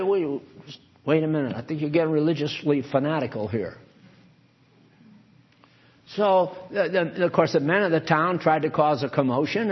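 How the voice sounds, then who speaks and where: An older man teaching from the Bible in a conversational, off-the-cuff way, reading verses aloud and then explaining them with asides. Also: high-pitched. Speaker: preacher. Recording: dull lo-fi recording.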